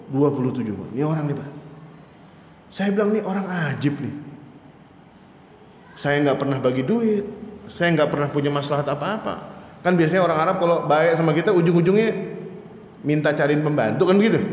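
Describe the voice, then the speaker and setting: Middle-aged male preacher, high-pitched, animated storyteller; echoey mosque hall sound. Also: a little hiss or hum. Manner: lively storytelling, asks the audience questions, acts out voices. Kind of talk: mosque study sermon.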